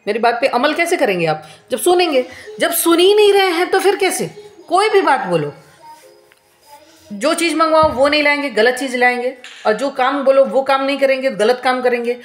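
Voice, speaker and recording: A woman's voice: high-pitched, expressive, moderate pace, roomy sound, soft background music. Aggrieved woman venting at home. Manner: aggrieved, repetitive complaining. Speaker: vlogger. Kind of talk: casual venting to camera.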